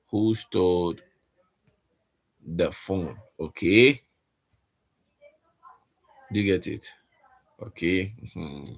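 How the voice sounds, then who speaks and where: A man gives a casual online language lesson at an unhurried, slow pace, his low voice gravelly with fry. He talks in halting bits and keeps checking in with his students. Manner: halting, repeats "okay?" to check understanding. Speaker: language teacher.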